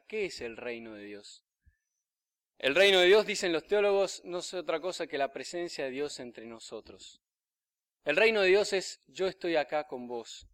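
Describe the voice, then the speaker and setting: A man with a Rioplatense accent preaching a homily, telling a story with rising emphasis and soft, low endings. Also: smooth. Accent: Rioplatense Spanish. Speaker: priest. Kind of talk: sermon.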